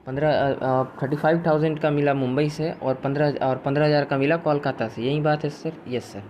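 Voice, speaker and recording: A man's voice: on the high side, steady tone, a little fast, darkish tone, a little hiss or hum. A man teaching a recorded accounting lecture in a chatty way, mixing in English terms and answering imagined questions from students.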